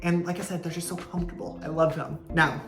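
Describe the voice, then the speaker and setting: Excitable youtuber woman rambling on, kinda low voice, big echo bouncing off the kitchen, faint music behind. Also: fast. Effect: heavy room echo. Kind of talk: casual unboxing vlog. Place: kitchen indoors. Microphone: camera mic, no clip-on.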